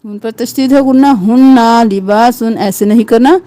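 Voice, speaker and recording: A woman teaching tajweed, reciting verses in a slow, drawn-out chant and dropping lower to explain the rules quickly. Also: mellow, dry recording.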